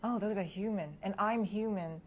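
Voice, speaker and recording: A woman in her thirties from Hong Kong, a guest speaking candidly and reflectively in an interview, often laughing softly between thoughts. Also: mid-range voice, moderate pace, slight background noise.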